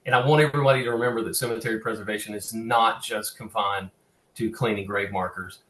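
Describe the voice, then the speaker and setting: Speaking fast in a lowish, fairly even, slightly bright voice, a Southern US man in middle age delivers a casual online talk as a guest cemetery conservation consultant. He tends to repeat words as he goes, and his audio echoes from a roomy space on the call.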